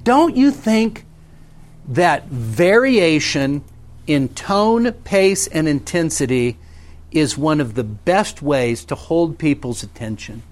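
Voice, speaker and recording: A man's voice: sing-song, slow. A middle-aged man, a pastor, teaching a small class about preaching in a meeting room, talking conversationally and often checking in with the group. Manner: conversational, checks in with frequent "okay?" and "right?"; varies pitch and pace for emphasis.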